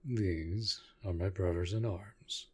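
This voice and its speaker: In an immersive audio roleplay aimed at the listener, a man voices a centuries-old vampire master, a courteous, possessive and protective lord of his manor. His low, breathy voice often drops toward a whisper, and he speaks in a formal, measured, deliberate way with a composed, courteous mood. There is loud background noise on the recording.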